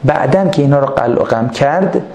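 A man giving a storytelling religious lecture in a lively, colloquial way, acting out the voices he quotes. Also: medium pitch. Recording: echoey room with faint ambient noise.

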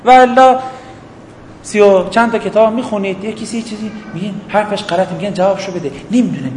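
High-pitched guy preaching, lots of "why?" questions, acts out little scenes, boomy hall with long echo. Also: a little hiss or hum. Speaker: religious lecturer. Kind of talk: religious lecture. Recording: echoey hall, faint ambience.

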